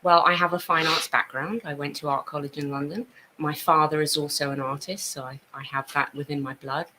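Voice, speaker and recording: A woman's voice: deep voice, fairly even intonation, fairly quick, pushed and bright, a little hiss or hum, rough recording. A woman from Italy, a guest on a talk show, explaining her work in a friendly, earnest way. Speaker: guest, art events business owner. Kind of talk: casual chat.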